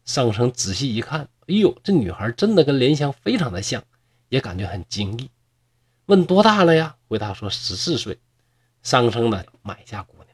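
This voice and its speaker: Husky animated male storyteller. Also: medium pitch. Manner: lively, drawn-out sentence-final particles.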